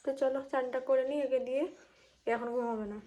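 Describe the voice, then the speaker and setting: A woman's voice: sits high, fairly even intonation, a little fast, warm tone, a little hiss or hum. A young woman chatting to the camera while looking after her baby at home. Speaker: vlogger and mother. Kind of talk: casual home vlog talk. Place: family home and rooftop.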